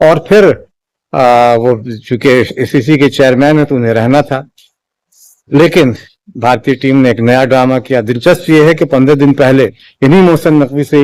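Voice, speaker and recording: A man giving a spoken opinion commentary in a measured, halting way, with frequent restarts and fillers. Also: medium pitch, darkish tone, dry recording. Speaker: political commentator.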